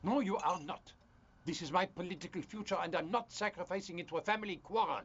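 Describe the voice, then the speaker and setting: An actor playing a calculating politician who talks in a smooth, dismissive, controlling way. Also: male voice, medium pitch, sing-song, normal speed. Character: calculating middle-aged male politician, cold and controlling. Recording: dull lo-fi dubbed film audio with faint hiss.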